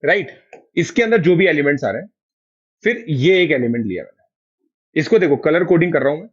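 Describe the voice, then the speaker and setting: A man's voice: fairly high pitch, expressive, a little fast, breathy edge, muffled recording. A man with an Indian accent teaching a math class online. He keeps coaxing his students to answer and confirm each step.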